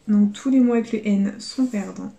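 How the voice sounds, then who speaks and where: A young adult woman commenting casually to her viewers as she scratches lottery tickets, spelling out letters and swinging between dread and excitement. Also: mid-range voice, moderate pace, vocal fry, echoey room.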